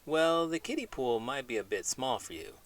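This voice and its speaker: A middle-aged man reads children's storybooks aloud at a moderate pace, his mid-range, slightly bright voice full of lively intonation. He also performs scripted puppet banter, all with dramatic, playful emphasis.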